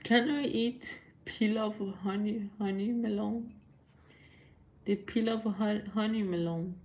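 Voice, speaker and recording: A young woman chatting casually with her viewers on a live stream from home, in halting non-native English and laughing often. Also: medium pitch, steady tone, a little mellow.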